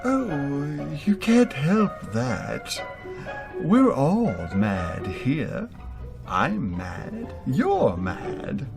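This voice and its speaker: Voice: medium pitch, very animated, very slow, creaky, music in the background, heavily acted. An actor playing a sly, mad, grinning cat in a radio play, drawling and meowing. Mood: playfully mad. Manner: drawling, meowing, swooping delivery.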